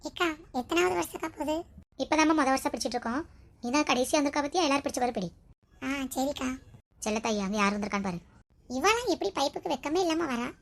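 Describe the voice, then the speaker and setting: A woman performing several village characters in a comedy skit, bantering and scolding quickly. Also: sits high, lively intonation. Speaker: sketch performer.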